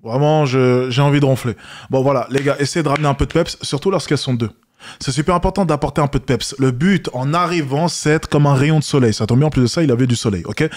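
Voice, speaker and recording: A man with an average-pitched voice comments on a clip he is watching. He speaks straight to his viewers in a coaching tone. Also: quick pace, a little mellow. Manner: coaching tone, addressing viewers directly. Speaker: host reacting to a video. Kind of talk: reaction commentary.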